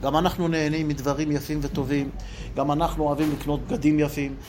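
Animated high-voiced male Torah teacher. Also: background noise. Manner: animated, acts out quoted voices, rhetorical questions. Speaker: religious teacher. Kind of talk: Torah lecture to listeners.

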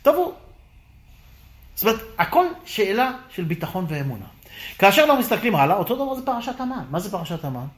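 A man teaching a lively Torah class, firing rhetorical questions and acting out the dialogue. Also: high-pitched.

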